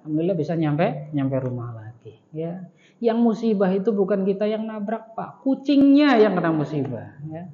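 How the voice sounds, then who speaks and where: A man's voice: high voice, very animated, moderate pace, a little hiss or hum. A male Islamic teacher giving a conversational study lecture in a mosque, joking and putting rhetorical questions to the audience. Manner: fills phrases with "ya" and "nah". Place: mosque hall. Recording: reverberant mosque hall, dull lo-fi sound.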